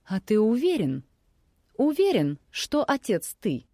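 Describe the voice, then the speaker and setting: A woman reading aloud voices a shrill, tearful, accusing middle-aged ex-wife who nags and taunts. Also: big pitch swings, unhurried, darkish tone, no room sound, clean studio sound. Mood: snide taunting.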